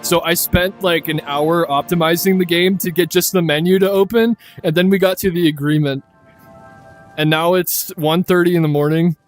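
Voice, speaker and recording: A man streaming a game late at night, chatting casually with a friend and rambling in a deadpan joking way. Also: a little high, normal speed, faint music behind. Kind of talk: casual gaming stream chat.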